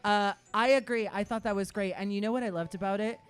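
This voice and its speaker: A man's voice: high voice, steady tone, fast, clean tone. A campy man co-hosts a casual recap in a gossipy drag queen style. He banters loosely about a show. Music plays behind his voice. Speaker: co-host reviewing a TV episode. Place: venue with a small live audience.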